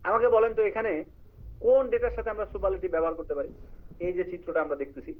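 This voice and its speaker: A high-voiced man teaches an online English writing class at a quick clip. He explains grammar and puts questions to his students, with English terms scattered through his talk. His voice comes through a narrow, tinny line that sounds like a phone call. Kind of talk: live online class lecture.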